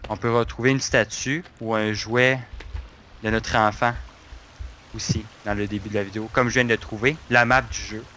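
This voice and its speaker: Bright-voiced gamer guy. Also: lowish voice, level tone, normal speed, slight background noise. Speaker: gamer co-host. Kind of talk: casual gameplay chat.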